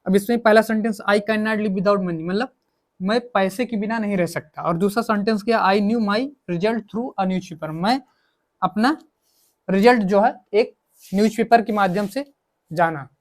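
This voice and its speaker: A man with a high-pitched voice talks a little slowly as he coaches English grammar. He explains in Hindi, draws on English examples, repeats points, and answers the questions he raises.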